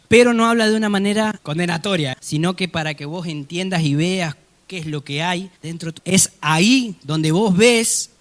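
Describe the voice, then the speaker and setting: A man with a Rioplatense Spanish accent preaching a sermon, swinging between loud exclamations and quiet low asides. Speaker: apostle and prophet preaching.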